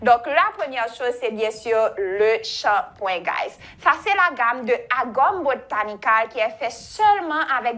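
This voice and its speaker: A woman hosting a chat show, presenting grooming products in an upbeat way with quick affirmations. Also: on the high side, fairly bright tone. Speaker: host.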